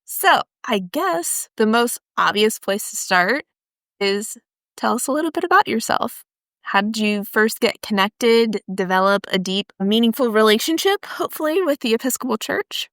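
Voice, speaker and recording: A woman's voice: on the high side, expressive, normal speed, fairly bright tone, no room sound, clean studio sound. A young adult woman from Florida hosting a podcast, chatting enthusiastically and sharing her own story. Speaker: podcast host. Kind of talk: casual podcast chat.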